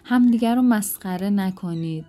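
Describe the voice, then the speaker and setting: A woman's voice: mid-range voice, warm tone. A woman giving direct, coaching parenting advice to listeners, at times acting out sample lines between spouses. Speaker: parenting advisor.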